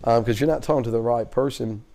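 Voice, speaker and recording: A man talks fast, jabbering through his stories in a relaxed interview. His voice is dark and mellow, and his pitch sits in the middle. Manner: fast-talking, chatty, animated storyteller. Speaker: auctioneer, guest. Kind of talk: casual interview storytelling.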